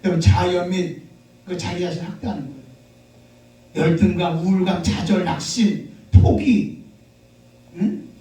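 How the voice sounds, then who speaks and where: A male pastor preaching a sermon with animated call-and-response delivery that rises into shouts. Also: high voice, measured pace, long pauses, heavy reverb, far from the mic, a little hiss or hum, rough recording. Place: church sanctuary.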